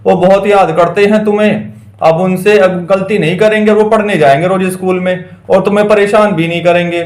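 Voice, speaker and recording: A man's voice: high-pitched, steady tone, a little fast, reverberant, lightly acted. A man voicing a nervous village father in a toy doll story, fretful and coaxing.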